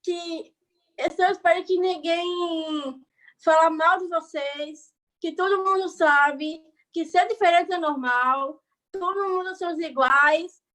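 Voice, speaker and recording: A woman's voice: extremely high pitch, fairly bright tone, poor audio. A woman from Bahia, Brazil, speaking as a guest on a video call. She talks in a chatty, rambling way and keeps checking that listeners follow her. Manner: chatty, rambling, keeps asking "entendeu?" and "sabe?". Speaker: guest speaker, online creator. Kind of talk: casual talk on a video call.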